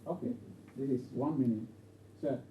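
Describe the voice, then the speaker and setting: Teaching an English grammar class, a man repeats his points and keeps checking understanding with "okay?" His medium-pitched voice is animated at a moderate pace. The recording is roomy, distant and dull lo-fi, with faint noise.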